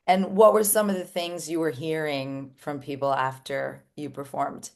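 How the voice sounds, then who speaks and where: A woman's voice: deep voice, fairly even intonation, normal speed. A woman hosting a casual interview with a band, upbeat and enthusiastic. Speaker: showcase founder and interviewer.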